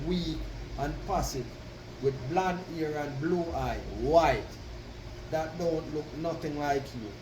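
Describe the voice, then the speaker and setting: Man, Rasta speech, slow declamatory devotional delivery, emphatic pauses, echoey distant recording. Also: a little high. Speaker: Rastafari speaker addressing followers. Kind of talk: devotional address with reading of own written piece. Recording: roomy, distant mic, constant background noise.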